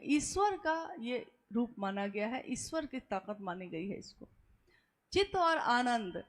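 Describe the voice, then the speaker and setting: A woman giving an earnest devotional discourse, repeating words for emphasis and taking questions from listeners. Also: a little high. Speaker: spiritual speaker.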